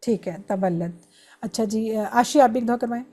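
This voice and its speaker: Woman teacher on a video call, kinda high voice, patient, walks thru verb forms. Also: dark tone. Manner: patient, explains step by step, drills conjugations. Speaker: Arabic grammar teacher. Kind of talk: online class lesson.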